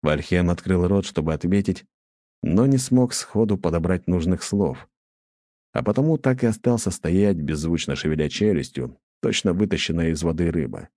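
Man, audiobook narrator, very deep voice, dry close sound, measured. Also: animated, dark tone, dry recording.

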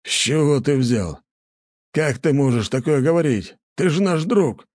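A man's voice: fairly high pitch, animated, a little slow, a little mellow, no echo, studio quality, voice pushed up. A man voicing a weary, sardonic older man in an audiobook. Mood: dismayed. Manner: sardonic, rueful.

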